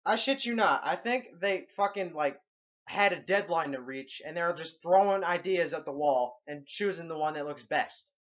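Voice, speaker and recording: A young man ranting sarcastically through a movie review, swearing constantly and breaking into loud outbursts. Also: on the high side, normal speed, muffled recording.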